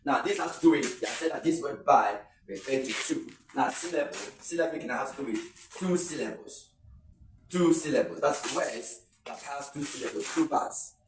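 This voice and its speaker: A man's voice: a little high, normal speed. A man gives an exam-prep lesson, walking through rules step by step and repeating key phrases. He sounds distant from the mic. The room is echoey, with a faint hiss of noise underneath. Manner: repetitive, explains step by step. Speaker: English teacher.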